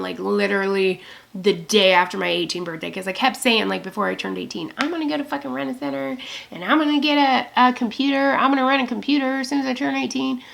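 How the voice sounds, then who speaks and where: A woman's voice: fairly high pitch, gravelly, a bit bright. A woman in her thirties rambling casually to her camera, telling a long personal story with lots of swearing and quoted asides. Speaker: beauty vlogger. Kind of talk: rambling get-ready-with-me chat.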